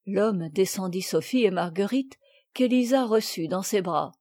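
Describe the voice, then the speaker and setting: A woman reading a classic children's novel aloud in a clear, measured storytelling manner. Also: medium pitch, lively intonation, a little mellow, no room sound, clean studio sound. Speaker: audiobook reader.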